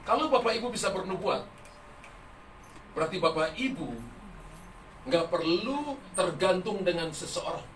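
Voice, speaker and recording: A man preaching a sermon as a pastor, emphatic and rising loud on key words, and telling stories with quoted dialogue. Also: sits high, animated, measured pace, pauses often, slight background noise. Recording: echoey hall, voice from far off the mic.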